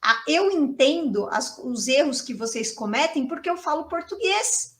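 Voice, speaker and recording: High-voiced chatty woman teacher. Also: lively intonation, normal speed. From Brazil. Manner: chatty, emphatic, repeats key words. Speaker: English teacher. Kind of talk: casual video lesson.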